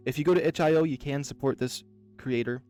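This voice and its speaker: Speaking quickly in a smooth, darkish voice of medium pitch, an Oregonian let's play host rambles through casual anecdotes while playing a visual novel. Faint music sits in the background, and his talk is full of fillers.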